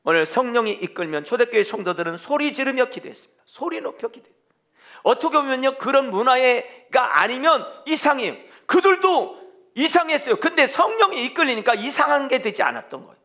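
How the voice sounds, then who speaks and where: High, animated preaching pastor. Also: male voice, a little fast. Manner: emphatic, fervent preaching with rhetorical questions to the congregation. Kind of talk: sermon. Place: church.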